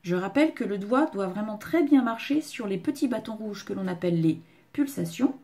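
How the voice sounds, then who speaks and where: Gravelly-voiced woman teaching rhythm. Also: mid-range voice, lively intonation. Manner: patient, chants rhythm syllables slowly and loudly. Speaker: music teacher. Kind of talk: rhythm lesson for beginners.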